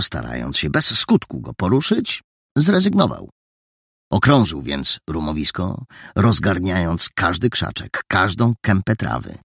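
A man with a very deep, gravelly voice reads a storybook in a steady, measured way. His tone is husky, and the recording is close and dry. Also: no room sound. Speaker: narrator. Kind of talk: scripted storybook narration.

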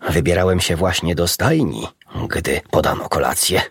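A man voicing a kindly, jovial animal doctor in a storybook reading, warm and laughing. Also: low voice, animated, normal speed, slightly rough, no echo, studio quality, heavily acted.

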